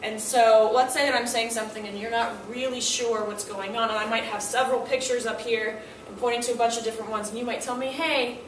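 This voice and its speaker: A woman teaching a language class, her voice somewhat high and full of life as she acts out little exchanges between teacher and students. She is recorded from a distance in an echoey room. A faint hum of room noise sits behind her. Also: fast, hardly any pauses. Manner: animated, acts out student and teacher lines in quotes. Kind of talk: classroom instruction.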